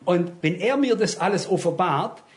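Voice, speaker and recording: A man's voice: sits high, lively intonation, normal speed. A man preaching at a Bible study, telling stories from his own life and speaking straight to his listeners. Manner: earnest, anecdotal, addresses listeners directly. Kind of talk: sermon.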